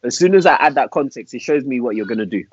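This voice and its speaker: Husky young London roadman, emphatic and slangy. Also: medium pitch, lively intonation, fast, no echo, dull audio. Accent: London roadman, urban slang. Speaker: podcast panellist answering listener dilemmas. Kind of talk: animated casual group discussion.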